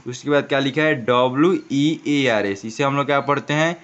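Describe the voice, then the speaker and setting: A man's voice: mid-range voice, normal speed, fairly bright tone. Guy teaching english words, spells them out, asks then answers himself, kinda muffled lo-fi audio. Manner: spells words letter by letter, asks and answers his own questions. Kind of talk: classroom lesson.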